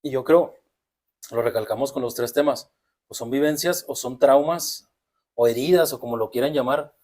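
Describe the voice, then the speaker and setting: A man's voice: mid-range voice, normal speed, a little mellow. A man with a Mexican accent talking reflectively in a casual podcast conversation, explaining at length. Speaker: podcast co-host.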